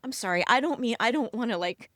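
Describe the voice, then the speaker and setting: A woman's voice: on the high side, animated, fast, fairly bright tone, dry recording. A middle-aged woman speaking as a podcast guest, upset and close to tears, hesitant and apologetic. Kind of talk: casual conversation.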